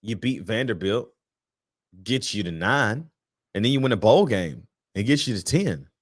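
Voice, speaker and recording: A man's voice: on the low side, animated, normal speed. A man hosting a sports fan show, talking casually about an upcoming game with slang, repeated words and restarts. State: sleepy, yawning. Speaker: sports podcast host.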